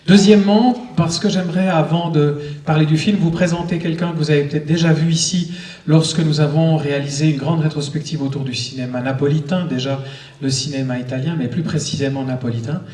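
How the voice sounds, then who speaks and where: Before an audience in a cinema auditorium, a man introduces a film screening live, addressing the public in a conversational, digressive way. His voice is a little high and darkish, with fairly even intonation and a slightly fast pace, captured by a distant microphone in the echoey room.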